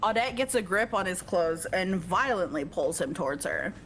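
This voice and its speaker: A woman's voice: on the low side, animated, moderate pace, music in the background. A woman streamer reading a visual novel's text aloud, stopping often to joke and laugh with a co-player. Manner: reads text evenly, breaks off to joke and laugh. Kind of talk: let's-play narration with casual asides.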